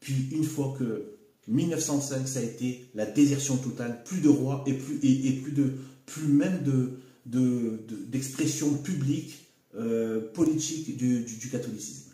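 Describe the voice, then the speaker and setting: A man speaking alone to camera in a loose, unscripted way. His voice is mellow and dark, and he often stalls, repeats words and drops fillers. The room around him rings with noticeable echo. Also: mid-range voice. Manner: halting, repeats words, fills with "hein" and "voilà". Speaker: video commentator. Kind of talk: unscripted solo video monologue. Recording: echoey room.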